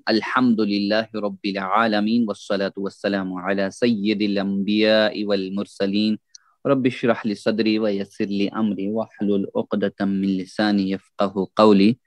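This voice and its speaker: A man's voice: on the low side, level tone, no room sound. A man teaching Quran recitation, dry and close. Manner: repeats key phrases slowly, chants Arabic verses as examples. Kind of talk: Urdu tajweed lesson.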